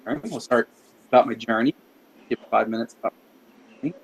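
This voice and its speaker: A man's voice: medium pitch, moderate pace, vocal fry, husky, low-quality recording. An older man with a Texan accent, speaking hesitantly with fillers over a video call whose audio keeps glitching and cutting out. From Texas. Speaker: participant sharing his story. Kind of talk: casual personal account.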